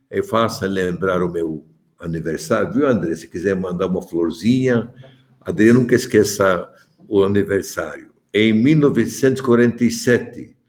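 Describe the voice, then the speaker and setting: A man's voice: fairly low pitch, darkish tone. A man in his seventies from Malta, a bishop giving a joking, chatty catechesis talk to adults and calling on them by name. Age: 70s.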